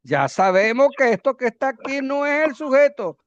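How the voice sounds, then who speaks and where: A man teaching Bible Greek grammar in a classroom lecture, halting, with many fillers and questions to the class. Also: extremely high pitch, sing-song, clear, resonant tone, no echo, dull audio.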